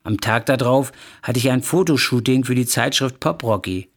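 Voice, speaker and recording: A man's voice: medium pitch, normal speed. A man narrating a first-person memoir audiobook, reading expressively. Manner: expressive, acting out quoted dialogue.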